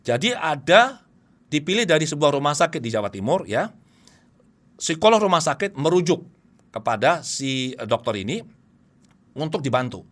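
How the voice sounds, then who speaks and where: This is a middle-aged man giving a lecture on therapy technique, his voice sitting a little high. He is animated, with a pitch that rises and falls sharply as he slips into the voices of his clients. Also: moderate pace, long pauses. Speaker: hypnotherapy instructor. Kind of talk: lecture presentation.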